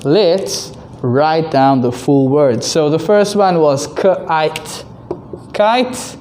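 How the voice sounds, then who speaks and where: A teacher giving a reading lesson to young children, sounding out words and short sentences very deliberately for them to repeat. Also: mid-range voice, warm tone, slight background noise.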